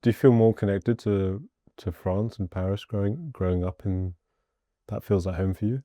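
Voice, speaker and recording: Relaxed in casual conversation with a guest, a man hosting a podcast leans heavily on the filler "like." He speaks at a moderate pace in a fairly low voice, recorded without echo.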